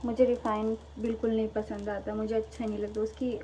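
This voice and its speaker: Chatty mother with a soft, mellow voice. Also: on the high side, flat delivery, fairly quick, slight background noise, low-quality recording. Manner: chatty, coaxing and soothing with her children. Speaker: vlogger and mother. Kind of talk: casual home vlog narration. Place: home, indoors.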